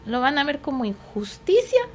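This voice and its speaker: A woman's voice: high-pitched, very animated, moderate pace, darkish tone, slight background noise. A middle-aged woman, a psychologist, explaining things patiently in conversation and often checking that her listener agrees. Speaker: psychologist guest.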